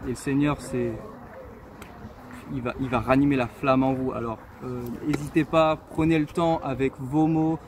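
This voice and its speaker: A man's voice: medium pitch, fairly even intonation. Earnest young man, street noise behind. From France. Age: 20s. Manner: earnest, halting with many fillers. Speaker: testimony speaker. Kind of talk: casual personal testimony.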